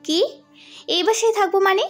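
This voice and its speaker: A woman's voice: sits high, very animated, normal speed. A woman voicing a restless, pouting young bride in an audio story drama, whiny and sulky. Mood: startled. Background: soft background music.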